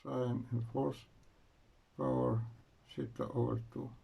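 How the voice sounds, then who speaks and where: Slow gravelly man lecturing physics. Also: medium pitch, flat delivery, highs cut off. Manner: slow, halting, frequent "uh" pauses while writing. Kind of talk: university lecture.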